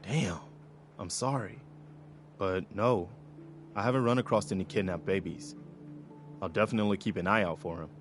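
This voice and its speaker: A man's voice: sits low, normal speed, pauses often, faint music behind, close to an everyday voice. A man voicing an earnest, polite male militia leader in video game dialogue. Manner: earnest, polite, asks favors.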